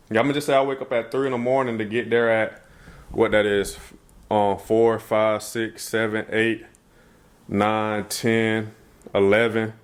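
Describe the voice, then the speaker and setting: A young man vlogging casually to his phone camera, rambling loosely with slangy speech and thinking out loud as he corrects himself. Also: lowish voice. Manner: laid-back slangy speech. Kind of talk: casual vlog talk to camera. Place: at home, then in a car before dawn.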